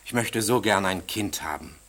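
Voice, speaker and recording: A man's voice: on the low side, normal speed. A man voicing an impatient, bossy queen in a storybook fairy tale, speaking in a raised, scolding voice. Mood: insistent. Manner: sharp, scolding.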